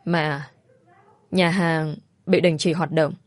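A woman's voice: low-pitched, steady tone, slow pace, dry recording. A woman voicing a stressed young husband who snaps in a rush. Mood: angry.

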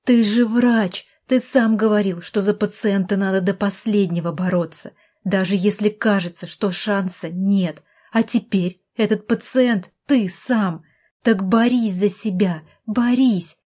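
A woman reading an audiobook, voicing a young woman who shouts and pleads with her brother. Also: medium pitch, steady tone, a little slow, breathy edge. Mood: pleading. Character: furious desperate young woman, doctor's sister.

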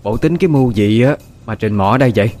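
A man's voice: mid-range voice, fast talker, faint music behind, natural voice. A man voicing a harsh, suspicious older mother-in-law, who scolds and accuses. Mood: scolding. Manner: scolding, accusing, sharp-tongued.

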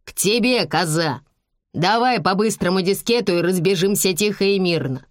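A woman playing a loud insulting male thug. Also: medium pitch, no room sound, studio quality, close to an everyday voice. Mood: threatening. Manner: shouting, drawn-out threats.

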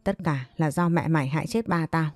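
A woman's voice: low voice, a little fast, a little mellow, no room sound, clean studio sound. A woman voicing a grief-stricken young woman who cries out and pleads after losing her father. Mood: grieving.

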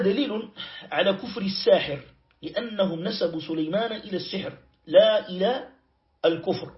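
Man, Quran commentary teacher, fairly high voice, dull lo-fi recording, slow explaining, asks "clear?". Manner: explains slowly, quotes verses and checks with "clear?". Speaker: Islamic teacher. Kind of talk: tafsir lesson.

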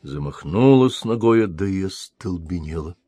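A man narrating a historical tale as an audiobook, in a measured storytelling manner. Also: low voice, expressive, warm tone, dry recording, clean studio sound.

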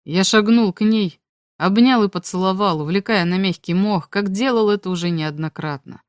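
A woman reading a novel aloud as an audiobook, telling a first-person story in a calm, even way. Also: medium pitch, moderate pace, dry recording, clean studio sound. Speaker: audiobook reader. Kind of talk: scripted narration of a novel.

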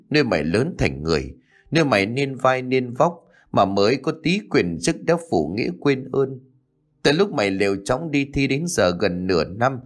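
A man's voice: mid-range voice, natural voice. A man voicing an anguished old village mother who scolds her son in a choked, tearful voice.

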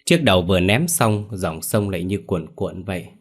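A man's voice: deep voice, animated, moderate pace, slightly rough. A man narrating a ghost story in a dramatic, vivid storytelling manner.

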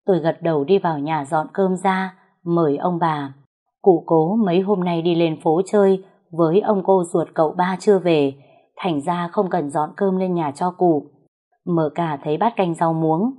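A woman narrating a first-person story in a calm storytelling voice. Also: fairly low pitch, normal speed.

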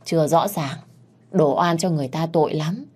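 A woman reading a story aloud, voicing a trusting, soft-hearted older mother who speaks hesitantly and with emotion. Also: sits low, moderate pace.

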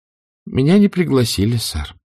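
A man's voice: mid-range voice, wildly swooping pitch, normal speed, mellow, breathy edge, pitched above the performer's own voice, exaggerated voice. A man voicing a shy, unhappy little boy in an audiobook, hesitant and stammering. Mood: timid. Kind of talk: audiobook character voice.

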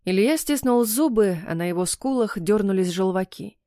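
A woman narrating a romance audiobook in the first person, with steady, intimate storytelling. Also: medium pitch, moderate pace, no echo, clean studio sound.

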